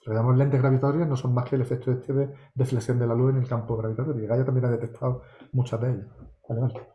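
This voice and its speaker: A Spanish man, an astronomy lecturer, answers questions in an online course Q&A, speaking very fast in a medium-pitched, level voice. He is meticulous and explanatory, often checking in with tag questions. The lo-fi recording has an echoey room sound.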